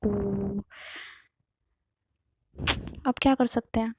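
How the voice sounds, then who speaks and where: A woman storyteller voicing a gentle young woman who keeps apologizing and coaxing her partner in a soft voice. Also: mid-range voice, fairly even intonation, extremely slow, noisy background. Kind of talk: storytelling role-play.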